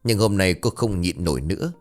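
Low, lively male storyteller. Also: brisk. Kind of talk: scripted horror story narration.

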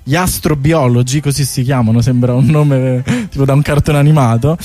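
Warm and brisk at a medium pitch, a man appears as a guest in a laid-back radio interview to present his bike tour project. His explanations wander, with hesitations and repeated words, while music plays in the studio.

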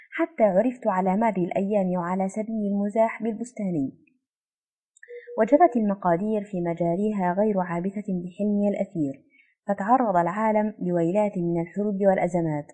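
Fast, mellow-voiced woman narrating a story. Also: mid-range voice. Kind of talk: scripted narration of a literary story.

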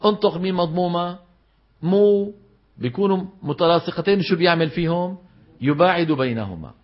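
A man with a Levantine Arabic accent teaching a class on Quran recitation. He quizzes his students with questions and demonstrates the sounds aloud. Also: on the high side. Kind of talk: classroom lecture. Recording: dull lo-fi lecture recording.

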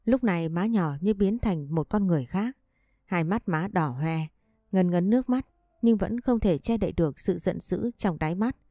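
A woman reading a family drama story aloud in a steady storytelling voice. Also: lowish voice, moderate pace, no echo. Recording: dry close voice with faint music behind.

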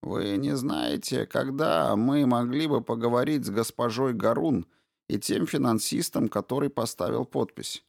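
A man doing a sly, calm investigator. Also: mid-range voice, unhurried, creaky, no echo, studio quality, pitched above the performer's own voice. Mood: probing. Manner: innocent-sounding, sly. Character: sly male investigator, calm probing questioner.

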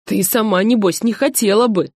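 A woman reading an audiobook voices a bitter, aggrieved older wife who speaks loudly and scornfully. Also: medium pitch, moderate pace, no room sound, studio quality, close to an everyday voice. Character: bitter aging wife, tearful then threatening.

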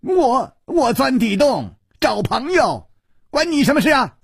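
A man's voice: very high-pitched, animated, normal speed, a bit bright, no echo, studio quality, voice pushed up. A man voicing a young nobleman who feigns madness, stammering, shrieking and giggling like a child. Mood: shrill.

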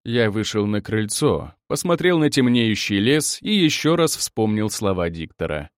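A man narrating a first-person audiobook in an expressive manner, sinking to a low murmur at tense moments. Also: measured pace, dry recording, clean studio sound.

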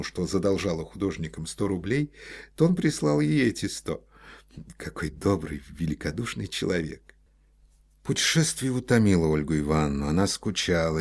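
A man narrating a literary audiobook in a measured, expressive storytelling manner. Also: deep voice.

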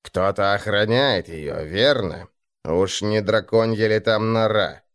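A man's voice: on the low side, slow pace. A man voicing a grumpy, sarcastic old male Viking warrior in an audiobook. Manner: cranky, sneering.

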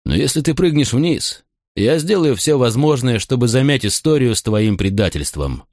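A man's voice: medium pitch, animated, moderate pace, darkish tone, no room sound, clean studio sound, voice pushed up, lightly acted. A man voicing a stern, angry Roman centurion who speaks in blunt, harsh commands. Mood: cold.

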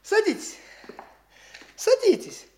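Using a very high, exaggerated voice at a slow pace, a woman acts in a radio play as a boastful, flighty young man who poses as an official and looks down on the locals. She sounds swaggering, lively and condescending. The recording is reverberant with slight background noise.

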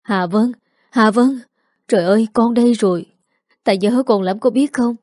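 An old woman of about seventy, by turns weeping and scolding, as a woman narrator puts her on. The voice is mellow and warm, recorded close and dry like a storybook reading. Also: medium pitch, moderate pace, no echo, lightly acted. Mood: tearful, overjoyed. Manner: tearful then sharp and scolding.

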